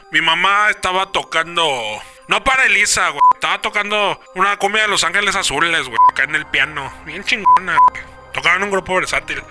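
A man calling in to tell a rambling, crude comic story about his lost little brother, full of slang and quick to take offense. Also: high-pitched, sharp tone. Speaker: caller telling a horror story.

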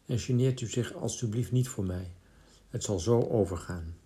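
A man voicing a gentle young woman with a soft, soothing way of speaking, read from a storybook. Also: fairly low pitch, normal speed, lightly acted. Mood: soft concern.

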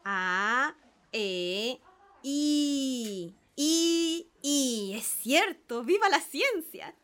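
An eager, naive middle-aged gentleman, played by a woman, marvels aloud at every sound he is taught. The voice sits high and swoops wildly up and down. It is a dramatic reading, full of wonder. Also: sing-song, moderate pace. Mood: awed, eager. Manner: gushing, repeats sounds with wonder. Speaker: reader playing a pupil.

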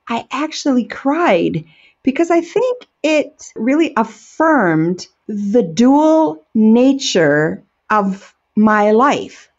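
A woman's voice: mid-range voice, darkish tone, dull audio. A middle-aged American woman, an educator and storyteller, answering interview questions in an earnest, enthusiastic way.

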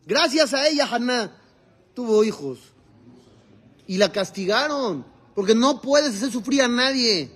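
A man's voice: very high-pitched, expressive, unhurried, fairly bright tone, slightly rough. A man, a rabbi teaching a religious class, asking his students questions and explaining the Hebrew texts he quotes. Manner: asks the class questions and answers them himself. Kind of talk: religious lesson to a live group.

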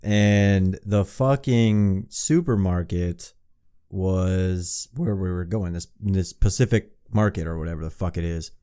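A man's voice: sits low, unhurried, dark tone, clear, resonant tone. A man co-hosting a casual podcast, blunt and teasing, swearing constantly. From lives in Hawaii. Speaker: podcast co-host. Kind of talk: casual chat.

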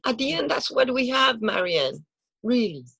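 A woman's voice: a little high, big pitch swings, normal speed, creaky, a bit bright, breathy edge, dry recording. Emotional Spanish-accented woman, searching for English words. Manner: emotional, earnest, repeats phrases for emphasis. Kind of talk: heartfelt conversation.

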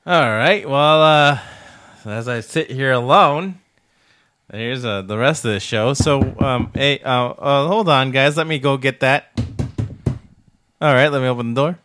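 A man co-hosting a comedy podcast in casual chat, wry and deadpan, turning excitable now and then. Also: medium pitch, a little slow. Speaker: podcast co-host.

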